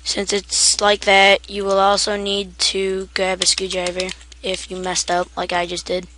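A woman's voice: mid-range voice, monotone, unhurried, pushed and bright, a little hiss or hum. A woman giving a casual, rambling game tutorial, half asleep and self-deprecating, with keyboard typing behind her. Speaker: gaming tutorial maker.

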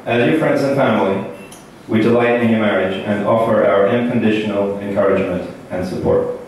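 Holding a mic and his notes, a man in his thirties with Russian as his first language gives a joking wedding toast as best man. His voice is on the low side and deadpan, pausing for laughs. A distant camera in the audience records the echoey banquet hall and crowd noise.

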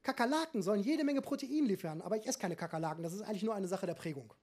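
A man's voice: sits high, animated, very fast, darkish tone. A man reading his own satirical short story aloud in a dry, ironic manner.

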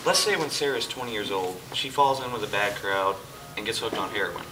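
Here the Jesus of an amateur church play speaks in a fairly low, animated voice at a fairly quick clip, patiently and earnestly explaining to his dinner guest. Background noise is noticeable. The audio comes from a distant camera on an indoor church hall stage, with music underneath.

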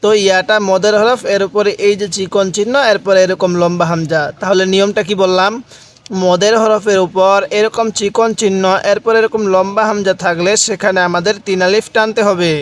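A man teaching Quran reading, explaining rules quickly and then chanting verses slowly, asking learners to repeat after him. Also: high voice, fairly even intonation. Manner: alternates quick explanation with slow drawn-out chanting. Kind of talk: Quran reading lesson with slow chanted recitation.

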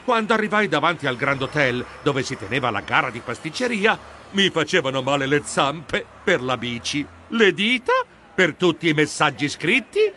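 A man giving animated, expressive narration of a children's audiobook, voicing a flustered mouse hero. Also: on the high side, moderate pace, slight background noise. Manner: expressive, excitable.

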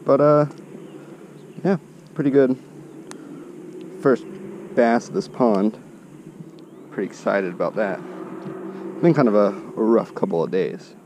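A young man with a lowish voice and a laid-back, rambling way of talking. He speaks to an action camera outdoors by a lake, with light outdoor noise behind him. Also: takes it slowly, pauses often, darkish tone. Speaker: fishing vlogger. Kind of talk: casual outdoor fishing chat. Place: lakeshore in woods, outdoors.

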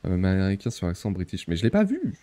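Young man, live streamer, casual chat, low mellow voice, lively swings. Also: quick pace. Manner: animated and chatty, laughs often, many fillers.

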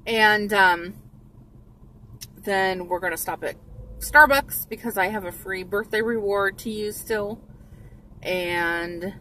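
A woman's voice: medium pitch, pushed and bright, recorded from a distance, a little hiss or hum, poor audio. A woman in her thirties rambling casually to her phone camera from a parked car, with lots of ums and restarts. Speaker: vlogger. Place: parked car, windows closed. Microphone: phone held at arm's length. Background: faint radio music.

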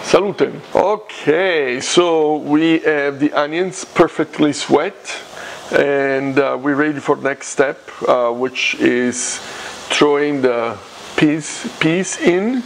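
Italian accent guy doing a casual cooking demo, gravelly voice, noisy kitchen behind him. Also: a little high, takes it slowly. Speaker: cooking show host. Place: home kitchen, indoors.

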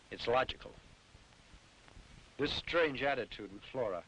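An earnest doctor and father, calm and reasoning, played by a man in an old dubbed film. His voice sits mid-range, with a faint hiss behind it. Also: medium pitch, natural voice, low-quality recording. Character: calm male doctor, worried family father. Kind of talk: 1950s dubbed film dialogue.

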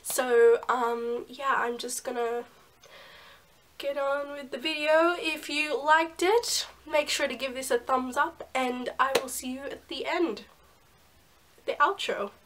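A woman's voice: high-pitched, fairly even intonation, slow pace, a bit bright. A young woman chatting casually to camera as a beauty vlogger, with a cold and her voice going, filling gaps with ums and likes. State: has a cold, losing her voice.

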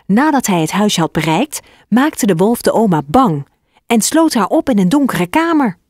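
A woman narrating a children's fairy tale in an expressive, scripted reading. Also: mid-range voice, normal speed, no echo, clean studio sound.

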